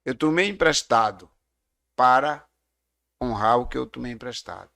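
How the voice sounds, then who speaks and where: A middle-aged Brazilian man with a gravelly, slightly fried voice talks through questions of faith in an unhurried, reflective way. He speaks at an ordinary mid pitch and often stops to tell a story. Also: pushed and bright. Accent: Brazilian Portuguese. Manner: reflective, explanatory, tells stories. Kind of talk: casual theological discussion.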